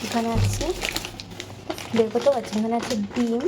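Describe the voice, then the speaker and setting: A woman's voice: on the high side, steady tone, normal speed, very noisy. A woman chatting casually to her viewers in a home vlog, talking through her kitchen chores. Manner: chatty, talks softly while the baby sleeps. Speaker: home vlogger.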